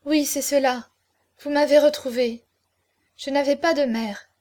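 A woman's voice: sits high, steady tone, unhurried, darkish tone, voice pushed up. A woman reading aloud, voicing an anguished, proud young woman with an intense manner in an audiobook. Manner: intense, pleading then haughty.

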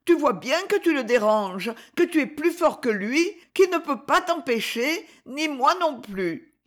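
A woman voicing a gentle, anxious young boy who pleads earnestly. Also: sits high, big pitch swings, measured pace, pitched above the performer's own voice, heavily acted. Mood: pleading.

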